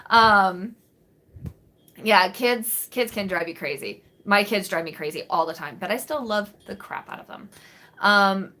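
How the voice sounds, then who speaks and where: Bright-voiced chatty young woman. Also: medium pitch, a little slow. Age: 20s. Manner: rambling, chatty, many fillers and restarts. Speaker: vlogger answering live chat. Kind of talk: casual live-stream chat. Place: small bedroom in front of a green wall.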